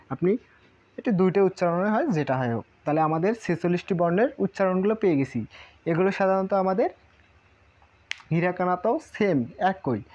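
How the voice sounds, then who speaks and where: Man drilling syllables, lo-fi sound. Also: high-pitched. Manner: drills syllables in repeated lists, asks rhetorical questions. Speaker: Japanese language teacher. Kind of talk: casual spoken lesson at a whiteboard.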